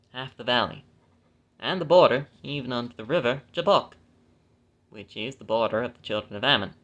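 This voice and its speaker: A man's voice: medium pitch, bright, forceful tone. A man reading scripture aloud and breaking off for chatty, self-mocking asides, correcting his own stumbles. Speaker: Bible reader.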